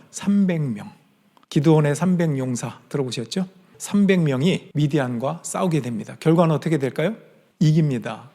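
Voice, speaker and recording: A man's voice: on the high side, warm tone. A man preaching a sermon in church, telling a Bible story with rhetorical questions and acted-out quoted lines. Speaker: pastor. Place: church sanctuary. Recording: long hall reverb.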